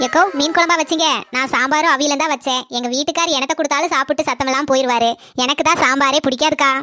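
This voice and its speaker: With a Kanyakumari Tamil accent, a woman performs a cartoon's nosy neighbor eagerly spreading street gossip. Her voice sits high and steady in tone, rapid-fire, pushed and bright, on a dry recording with faint music behind. The delivery is breathless, eager storytelling meant for cartoon comedy dialogue.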